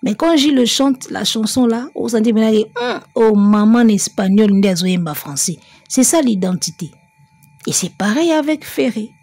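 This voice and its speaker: A woman's voice: fairly high pitch, lively intonation, moderate pace, dark tone, no room sound. A woman, giving chatty, emphatic music commentary. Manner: mixes French and Lingala, chatty and emphatic, breaks into song. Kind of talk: casual spoken commentary.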